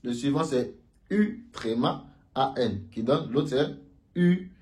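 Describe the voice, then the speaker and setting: A male language teacher walks through pronunciation at an unhurried, deliberate pace. He patiently explains each sound, then says it again louder and higher so students can repeat after him. His pitch sits in a middle range. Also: lively intonation. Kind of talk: Mandarin pronunciation lesson.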